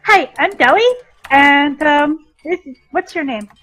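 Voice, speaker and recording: Woman voicing a starry-eyed young adventurer, eager, effusive, very high voice. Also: unhurried, bright, forceful tone, faint music behind. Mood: gushing.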